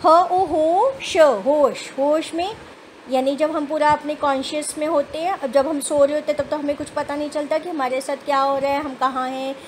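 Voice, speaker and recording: Woman teacher, high voice, slow spelled-out phonics, patient examples, faint hiss. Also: fairly even intonation, darkish tone. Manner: sounds out words letter by letter, then says them whole; patient, explains words with everyday examples. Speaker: children's Hindi teacher.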